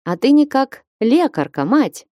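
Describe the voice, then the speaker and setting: A woman voicing a bold, strapping young northern warrior woman who speaks loudly and bluntly in an audiobook. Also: high-pitched, very animated, measured pace, no room sound, clean studio sound, pitched above the performer's own voice. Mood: friendly. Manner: loud, hearty and blunt.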